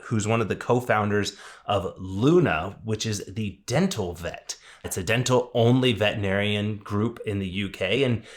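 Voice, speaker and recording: A man's voice: on the low side, fairly bright tone. A man hosting a veterinary industry news podcast, talking through stories in a casual, conversational way with enthusiastic asides.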